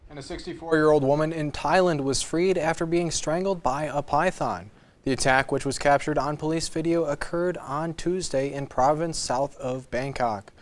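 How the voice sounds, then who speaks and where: A man reading scripted news stories as an anchor on a student newscast. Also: fairly high pitch.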